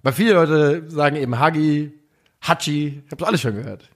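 Begeisterter Mann mit etwas hoher Stimme. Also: male voice, fairly high pitch, fairly quick. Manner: enthusiastic, slangy, self-deprecating. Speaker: podcast co-host. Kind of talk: casual football chat.

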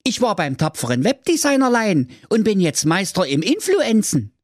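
A man plays a boastful young son in a radio comedy fairy tale. His voice sits high and bright with smug pride. The recording is dry and close. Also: wildly swooping pitch, normal speed, no room sound, heavily acted. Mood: proud.

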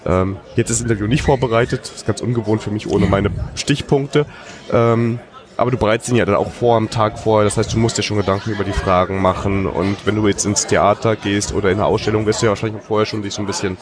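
A man's voice: on the low side, fairly even intonation, quick pace. A man hosting a podcast interview, asking loose questions full of fillers. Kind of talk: casual interview. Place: busy hacker congress hall. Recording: crowd noise of a busy venue. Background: crowd chatter.

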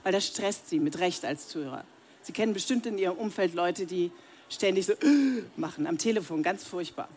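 During a live voice training workshop in a seminar room, a woman voice coach addresses her audience directly, leading breathing and humming exercises and demonstrating the sounds herself. Her voice sits fairly low and has a darkish tone, her pace is a little fast, and there's a slight hiss or hum on the recording.

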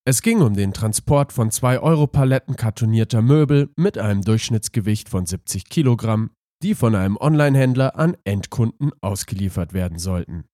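Congested man reading a report, mellow and dry. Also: on the low side, lively intonation, moderate pace, hardly any pauses, no echo. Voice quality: congested, nasal from a cold. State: has a cold. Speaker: podcast host. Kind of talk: scripted podcast narration, magazine report.

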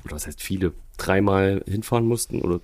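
A man who owns a tiling business, chatting casually on a podcast, talking in a halting way with many restarts. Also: sits low, a little mellow, no echo, clean studio sound. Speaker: guest, tiling business owner.

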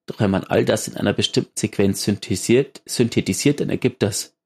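A man's voice: fairly low pitch, a little fast, gravelly, a little mellow, slightly rough. A man reading aloud as a young woman engineer, fretful and thinking aloud. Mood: worried.

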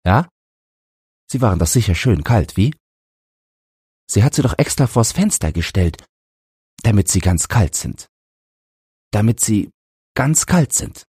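A man voicing a feverish sick boy who repeats himself in a halting, dreamy way. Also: on the low side, big pitch swings, a little mellow, husky, no echo, clean studio sound, pitched above the performer's own voice, heavily acted. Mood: pleading.

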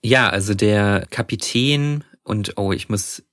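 Presenting a story on a casual podcast, this male co-host chats his way through it and frequently starts over mid-thought. He speaks slowly in a fairly low, slightly bright voice. The audio is dry and of studio quality.

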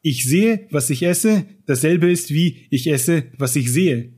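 A man's voice: fairly high pitch, lively intonation, unhurried, warm tone, breathy edge. A man reading the Hatter's lines from a storybook as an odd, rude man who speaks in riddles. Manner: read aloud from a book.

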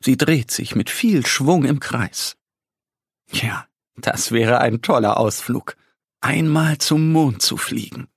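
A man narrating a children's story in a gentle, lively storytelling voice. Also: mid-range voice, slow, gravelly, husky, dry recording, studio quality.

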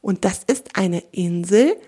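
A woman hosting a children's podcast and reading a story aloud, gently speaking straight to the child listener. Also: mid-range voice, animated, takes it slowly, slightly rough.

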